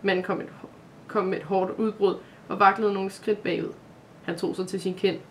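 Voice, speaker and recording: A reader narrating a dramatic fantasy Christmas calendar story for children, in a steady, scripted storytelling voice. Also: medium pitch, a little hiss or hum.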